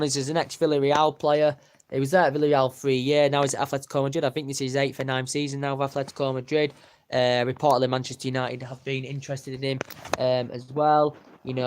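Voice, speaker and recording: A man's voice: mid-range voice, darkish tone, a little hiss or hum. A man giving casual, rambling football transfer commentary, full of fillers and repeated words. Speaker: football transfer news vlogger.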